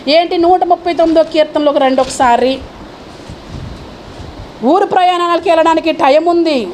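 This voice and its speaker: A woman's voice: very high-pitched, moderate pace, a little mellow. Woman, pastor, fervent sermon, questioning the listeners, faint background hiss. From India.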